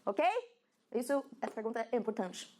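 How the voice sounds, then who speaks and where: Professora de inglês animada, voz aguda. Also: female voice, a little high, moderate pace, mellow. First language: Portuguese. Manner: playful, laughs at own slips, drills letters aloud. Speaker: English teacher. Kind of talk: casual classroom lesson.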